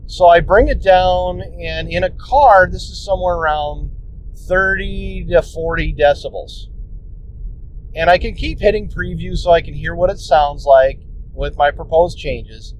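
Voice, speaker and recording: Recorded on a phone inside a car on the road, a podcast host casually explains how he edits his episodes, rambling unhurriedly with restarts and mild swearing. The muffled audio carries road noise and a steady rumble underneath.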